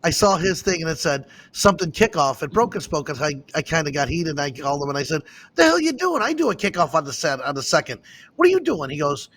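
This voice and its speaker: Chatty guy hosting a talk show, bit high voice, animated, faint hum behind. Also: fast talker, hardly any pauses. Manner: excitable, animated storyteller. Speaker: host. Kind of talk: casual chat.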